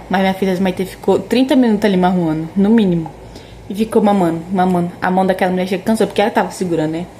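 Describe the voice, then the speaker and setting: A woman tells a personal story straight to the camera in a relaxed vlog style. She talks at a middle pitch and brings the story to life by acting out what people said, often tagging her sentences with quick questions. Faint noise sits behind her voice. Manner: animated, acts out quoted dialogue, frequent tag questions. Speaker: vlogger.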